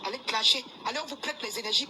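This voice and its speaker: Casting: high-voiced woman, scolding rant, traffic noise behind. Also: very fast. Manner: scolding, insistent, repeats herself. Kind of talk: angry live video rant.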